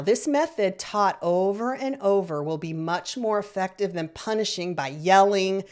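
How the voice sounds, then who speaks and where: A middle-aged woman giving parenting advice, encouraging, repeating her points and checking in with the listener. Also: medium pitch. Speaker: parenting coach. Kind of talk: instructional talk to parents.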